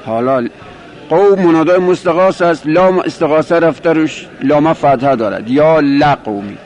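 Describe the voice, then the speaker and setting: A man teaching a grammar lesson, explaining step by step, asking and answering his own questions, and slowing down to repeat quoted phrases. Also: on the high side, darkish tone. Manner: repeats and rephrases terms, slows on quoted Arabic. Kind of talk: classroom lecture explaining a grammar text.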